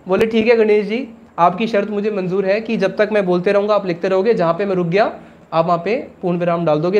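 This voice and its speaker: A man's voice: high voice, darkish tone, dull audio. A man teaching a religious class, explaining step by step, asking questions and then answering them himself, with English words mixed into his casual Hindi.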